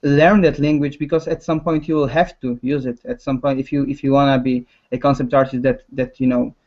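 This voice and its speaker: Speaking English as a second language with a Polish accent, this concept artist chats casually, halting often and restarting his words. His mid-range voice holds a steady tone, though the audio sounds dull.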